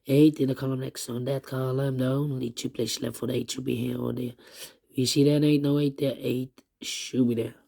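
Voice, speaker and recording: Creaky man with a strained, failing voice. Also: mid-range voice, level tone, dark tone. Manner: halting, repetitive counting in short phrases. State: lost voice, strained and troubled. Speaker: puzzle tutorial host. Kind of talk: step-by-step puzzle walkthrough, thinking aloud.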